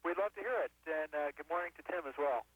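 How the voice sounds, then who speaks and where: Man on a tinny space radio link. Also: a little high. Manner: halting and polite, many filler pauses. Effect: narrow tinny space-to-ground radio link. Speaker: astronaut in orbit. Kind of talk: air-to-ground radio call. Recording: tinny radio line, very dry.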